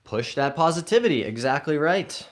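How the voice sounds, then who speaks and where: A man's voice: on the high side, sing-song, moderate pace. Upbeat man chatting on a golf stream. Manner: reads viewer comments aloud and answers them, upbeat. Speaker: golf live-stream host. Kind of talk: casual live-stream chat.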